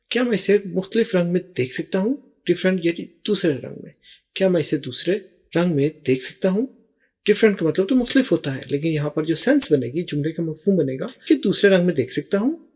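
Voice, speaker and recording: A middle-aged man giving a language lesson, slowly repeating each phrase and translating it word by word. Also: sits high, a little mellow, husky. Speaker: English teacher.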